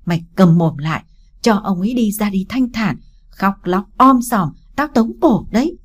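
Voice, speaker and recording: A harsh older stepmother, loud and sharp, spitting scorn at every word, as a woman narrator puts her on. Her husky, darkish voice pushes higher and harder than the reader's own. An audiobook story voice. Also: expressive, a little fast. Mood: shouting. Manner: shouting, contemptuous scolding.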